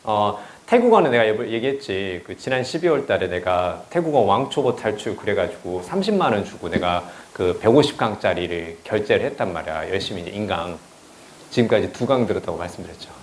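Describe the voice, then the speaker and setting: In a casual English lecture with a roomy echo, a man talks in a chatty, blunt way, swearing often and asking students "right?" to check in. His voice is lowish, animated, fairly quick and a little mellow, with a faint hiss or hum.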